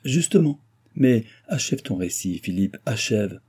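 A man's voice: fairly low pitch, animated, a little slow, dark tone, husky. A man voicing a proud, scornful elderly baron who hurries his son along with blustering urgings. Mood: insistent.

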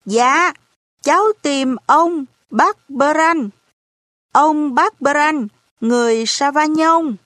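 A woman's voice: high voice, extremely slow, fairly bright tone, dry recording, studio quality, voice pushed up, full character voice. A woman voicing an anxious orphan boy who pleads urgently in a raised voice. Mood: pleading, anxious. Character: anxious orphan boy searching for his family.

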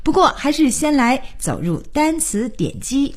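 A woman's voice: high-pitched, sing-song, a little slow. A woman hosting a studio radio lesson, patiently explaining words and spelling them out letter by letter. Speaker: radio English teacher.

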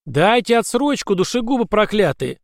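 A man doing a shrill panicky demon clerk. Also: big pitch swings, normal speed, dry recording, studio quality. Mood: pleading. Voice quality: shrill, pleading. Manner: desperate, whining.

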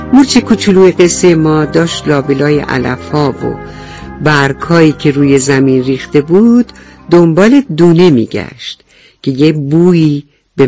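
A woman telling a bedtime story to children on the radio, gentle and clear, asking the little listeners questions as she goes. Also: sits low.

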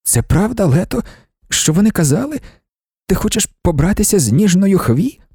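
A man doing a hoarse, mocking old cripple. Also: high-pitched, sing-song, normal speed, dark tone, dry recording, clean studio sound, pitched above the performer's own voice, heavily acted.

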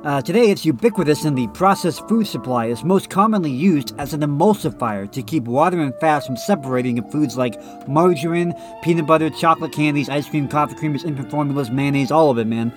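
On a laid-back podcast, a male co-host with a faintly nasal voice reads passages and interrupts himself with blunt asides. He talks at a fairly high pitch, briskly, with hardly any pauses, and faint music sits behind him.

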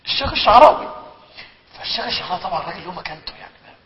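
Man, Egyptian accent, religious lesson, brisk talk, fairly high voice, rhetorical questions, echoey dull recording. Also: slight background noise. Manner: rhetorical questions, lively storytelling. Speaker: sheikh teaching a book. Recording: echoey hall, dull lo-fi sound.

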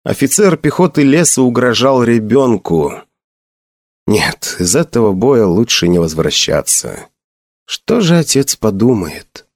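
Expressive male audiobook narrator. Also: mid-range voice, a little slow, dry recording, clean studio sound. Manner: expressive, varied intonation. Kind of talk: audiobook reading.

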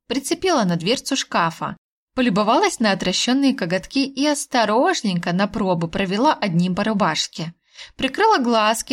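A woman narrating a first-person audiobook expressively, voicing the characters. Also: on the high side.

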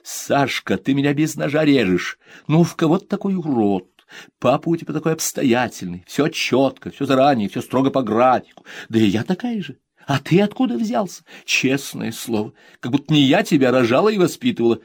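A harried middle-aged woman filmmaker, put on by a man, scolding her son in exasperation. The voice is pushed high and sharp. It is recorded dry and close. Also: expressive, brisk, breathy edge, no echo. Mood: exasperated.

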